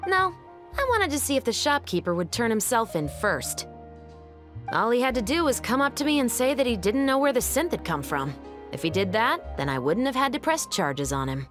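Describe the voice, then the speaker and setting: An actress playing a calm, principled female police captain in a game, talking in a level, matter-of-fact way. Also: a little high, moderate pace, soft background music. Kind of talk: game cutscene dialogue and story retelling.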